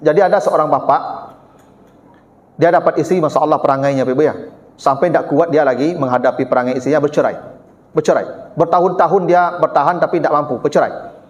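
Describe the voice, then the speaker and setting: A high-pitched man with a Minangkabau accent gives a chatty, teasing sermon. He acts out little everyday exchanges to make his points. His voice rings through a mosque hall with a long, roomy reverb. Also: brisk. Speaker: preacher.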